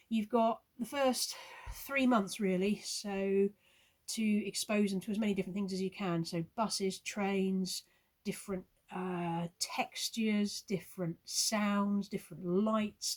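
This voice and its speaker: A woman's voice: mid-range voice, darkish tone. A woman recording a casual video message of puppy advice, reassuring and rambling with many hesitations. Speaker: puppy owner giving advice.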